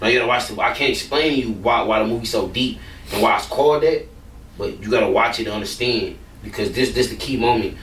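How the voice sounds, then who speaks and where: A man's voice: lowish voice, fast, a bit bright, reverberant, distant mic, slight background noise. A man, a rapper, talking casually and bluntly in an interview, rambling and swearing freely.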